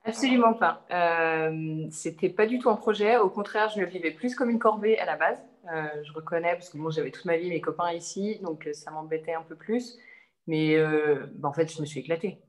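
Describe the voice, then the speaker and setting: A young woman from France's Savoie region, an advertising creative, chats casually as an interview guest. She speaks at a normal speed in a lowish voice, sounding hesitant and full of fillers and restarts.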